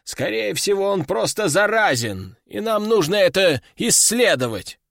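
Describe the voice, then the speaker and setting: A man's voice: high voice, very animated, measured pace, creaky, a bit bright, dry recording, studio quality, exaggerated voice. A man voicing a stern, domineering old male sorcerer who leads his students, giving orders and threats. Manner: commanding and threatening. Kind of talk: audiobook character voice.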